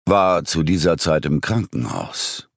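A man voicing a gruff, grumbling police chief in an audiobook. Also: a bass voice, sing-song, measured pace, no echo, studio quality, full character voice.

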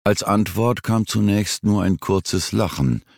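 Deep, gravelly male audiobook narrator. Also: no room sound, clean studio sound. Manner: measured, suspenseful storytelling. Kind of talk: scripted narration.

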